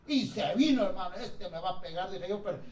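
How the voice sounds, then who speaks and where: Pastor preaching, high voice, lively, acts out little scenes, echoey church far from the mic. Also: male voice, a little fast, slight background noise. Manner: animated, acts out quotes and jokes. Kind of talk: sermon. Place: church hall.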